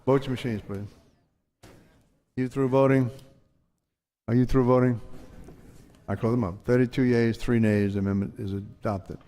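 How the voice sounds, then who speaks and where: A man presiding over a state senate, calling votes in brisk, formulaic procedural announcements. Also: mid-range voice, fairly even intonation, warm tone. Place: large legislative chamber.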